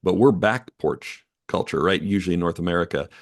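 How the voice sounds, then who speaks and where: This is a man with a deep, low voice, talking as a podcast guest. He sounds earnest and reflective and often fills his pauses with "um" and "you know." The recording is dry and close, with no room sound. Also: dry recording. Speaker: guest author and editor. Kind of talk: conversational podcast interview.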